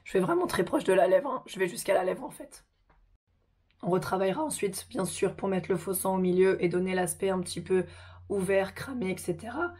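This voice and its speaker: A woman hosting a casual makeup tutorial, chatty and informal, her voice hoarse from a sore throat. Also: mid-range voice, a little fast, darkish tone.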